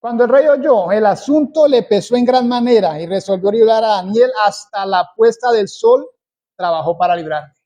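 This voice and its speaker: A man from Colombia preaching a sermon, slow and deliberate, repeating key phrases for emphasis. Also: sits high, expressive, warm tone.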